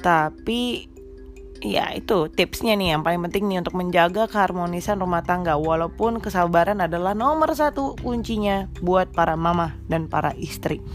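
Speaking from a small rented room, a young podcast host with a blocked-up nose teases and chats casually with mothers, slipping English into her talk. Her lowish voice moves at an ordinary pace over faint music.

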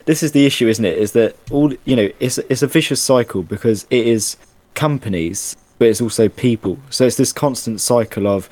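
A man in casual chat, talking in an animated, exasperated rant with plenty of asides. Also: medium pitch, normal speed, few pauses, dry recording.

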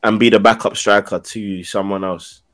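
A man's voice: fairly low pitch, little pitch movement, moderate pace, a bit bright. A man with a London urban roadman accent chatting casually about football, in a slangy, vivid, conversational way. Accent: London, urban roadman slang style.

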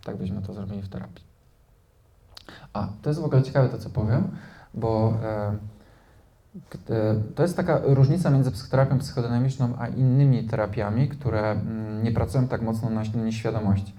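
A man's voice: on the low side, fairly quick, mellow, echoey room. A man, a psychotherapist, giving a live lecture to an audience, explaining at length with frequent hesitation fillers and tag questions.

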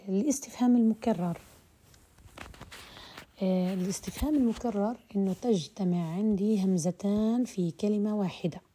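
In a voice message, a woman teaches Quran recitation terms, explaining slowly with hesitations and stretching out the example words. Her voice is medium-pitched, mellow, and a bit breathy.

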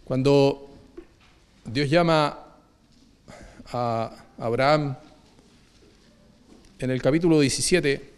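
A man preaching a sermon, moving between emphatic declarations and hushed, low repetitions of key phrases. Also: extremely slow, pauses often, clear, resonant tone.

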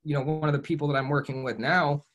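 A little high and a bit bright, this young Ohio man talks fast with a flat delivery. Guesting on a casual podcast, he tells his story earnestly and reflectively, restarting often and repeating "you know."

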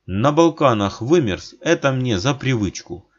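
A man voicing a thin, ragged ex-soldier who speaks hoarsely and wheezes, in a dull lo-fi recording. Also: mid-range voice, big pitch swings, measured pace, pitched above the performer's own voice. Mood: humble.

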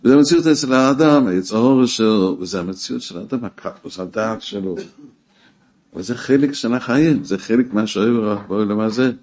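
A man teaching a weekly Torah class, emphatic, rising to exclamations and dropping low again. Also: darkish tone. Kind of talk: spoken Torah lesson.

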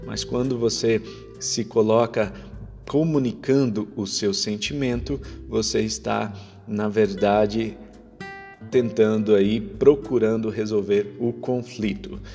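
A man giving couples relationship advice in a measured, counselling tone, sometimes restarting a phrase. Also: medium pitch, a little mellow. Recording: long reverb with faint guitar music behind.

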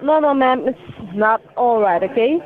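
Man, scam caller, very high voice, firm, phone-line sound. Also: expressive, unhurried. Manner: firm and pressing.

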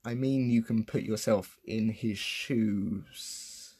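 Young man, off-the-cuff vlog rant, low husky voice, sarcastic and sweary. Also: steady tone, takes it slowly, darkish tone. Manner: sarcastic, self-mocking, profane. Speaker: vlogger. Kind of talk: casual unscripted commentary.

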